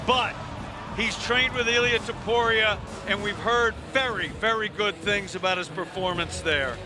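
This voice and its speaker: A man's voice: sits high, measured pace. A man giving color commentary on a fight, confidently laying out each fighter's keys to victory. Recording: music under the voice.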